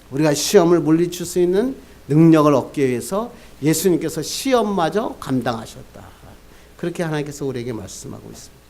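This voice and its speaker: A man's voice: medium pitch, mellow. A male pastor preaching a sermon, asking the congregation questions and answering them himself, building to emphatic peaks. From Korea.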